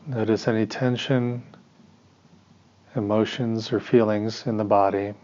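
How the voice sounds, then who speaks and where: A teacher leads a guided meditation, giving measured instructions in short phrases separated by pauses. His voice is on the low side, a little mellow, with fairly even intonation, and the audio sounds dull.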